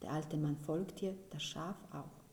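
A woman, the author, reading her own story aloud in a calm, measured way. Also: low voice. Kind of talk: literary reading. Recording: roomy reading recording.

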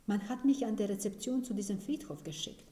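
A woman voicing a bold, courtly old man who speaks gently and politely, in a roomy recording. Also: medium pitch, expressive, fairly quick, close to an everyday voice.

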